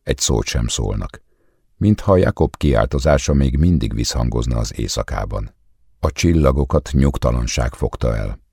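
A man calmly reading literary fiction aloud as an audiobook narrator, measured and even. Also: very deep voice, slightly rough, no room sound, clean studio sound. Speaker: audiobook reader.

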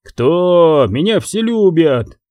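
Storybook villain-ish royal: man voicing a blustering dead elf king, animated and mellow. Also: on the high side, slow, dry recording, pitched above the performer's own voice. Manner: pompous, grumbling.

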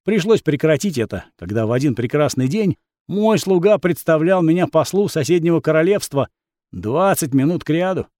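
A man's voice: on the high side, lively intonation, normal speed, darkish tone, no room sound. A man narrating a first-person fantasy audiobook in a wry, ironic tone.

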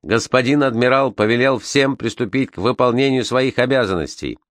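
A man's voice: medium pitch, moderate pace, no room sound, clean studio sound, natural voice. A man voicing a spiteful male acting boatswain who barks orders and mocks others in a storybook reading. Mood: barking. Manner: barking, mocking.

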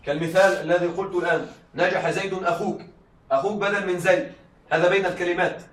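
A man's voice: high-pitched, steady tone, fast talker. A man teaching a rhetoric lesson to a class, often stopping to check that the students follow and repeating his examples. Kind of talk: classroom lecture. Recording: echoey room, mic far off, faint noise.

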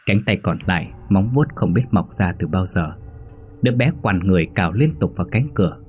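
A man narrating a horror story in a measured, ominous reading. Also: sits low, lively intonation, a little mellow. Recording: faint background music.

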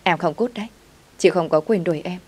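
A woman's voice: on the low side, fairly quick, darkish tone, slightly rough. A woman voicing a hot-tempered young female dishwasher who talks back. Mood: defiant. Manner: defiant.

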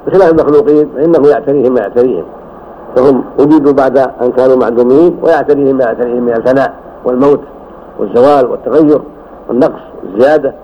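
An older man teaching as a sheikh, explaining a creed text slowly and correcting his student's reading with frequent "yes". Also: medium pitch. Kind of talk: classroom commentary on a text. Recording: dull old recording with faint hiss.

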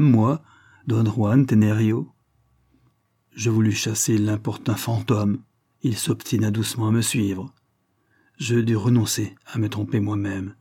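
A man giving a solemn, measured, expressive dramatic reading of a literary text. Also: on the low side, slightly rough. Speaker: reader.

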